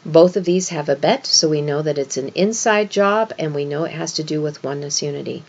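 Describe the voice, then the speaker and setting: A woman's voice: low voice, a little fast, a little mellow. A woman giving an esoteric scripture lesson as a religious teacher, explaining in an instructive way and stressing key words.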